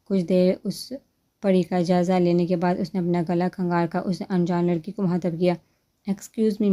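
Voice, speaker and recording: A woman narrating a romance novel as an audiobook, reading in a steady, gentle way. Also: lowish voice.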